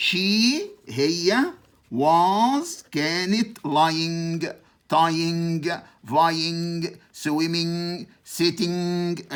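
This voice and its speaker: A man's voice: fairly high pitch, fairly bright tone. A man with an Egyptian accent teaching an English grammar lesson, patiently repeating rules and asking himself questions.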